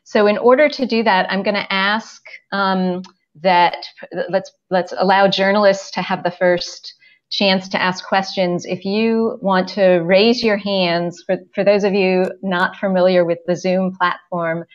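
An older woman moderating a press conference over a video call, talking slowly with many pauses and fillers, on earphones from home. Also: medium pitch, steady tone. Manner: hesitant, filler-heavy, slow. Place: home room indoors. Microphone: earphone headset on video call. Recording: dull lo-fi video call audio.

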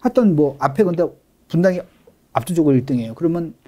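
A middle-aged man talks fast and emphatically, leaning hard on the key words as he explains. His voice is mellow and a little higher than most men's. He sounds like an expert guest walking an interviewer through his points. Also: animated. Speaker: real estate expert guest.

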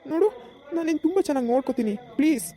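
A woman playing a fast-talking village husband. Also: high-pitched, animated, background noise. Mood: coaxing. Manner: brisk, scolding, then coaxing. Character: young village husband, smug then pleading. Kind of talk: comic village skit acting.

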